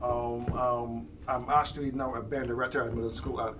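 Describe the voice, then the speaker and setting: A man's voice: medium pitch, level tone, normal speed. A man from Barbados, a middle school band director, chatting casually and hesitantly, with many ums and repeated words. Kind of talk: casual chat. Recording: distant mic with loud background noise.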